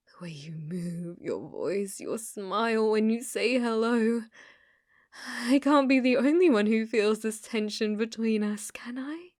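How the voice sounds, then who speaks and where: A young British woman, voicing a delusional cashier stalker for close-up ASMR, stammers in a flustered way and drifts into threatening whispers, sounding lovestruck and obsessive. Her medium-pitched voice is a little mellow and near her everyday tone, recorded at studio quality with no room sound.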